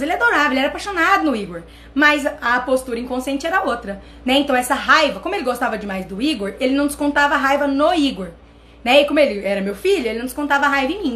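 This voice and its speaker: Brazilian-accented woman, high pitch, animated vlog host telling a personal story to camera. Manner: animated, addresses viewers directly. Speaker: channel host.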